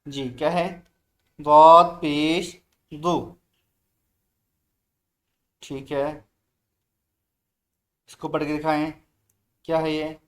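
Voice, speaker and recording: A man teaching Quran reading in a recorded online lesson, drawing out each letter sound slowly and urging the learner to read aloud. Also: on the high side, little pitch movement, a little mellow. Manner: slow drawn-out letter drills, brisk asides to the student.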